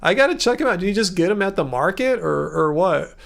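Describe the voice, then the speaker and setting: A man with a high-set, gravelly voice hosts a casual livestream from home. He rambles as he reads out viewer comments and answers them. He often restarts his sentences and keeps the tone chatty. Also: animated, fairly quick, fairly bright tone. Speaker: livestream host. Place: home room.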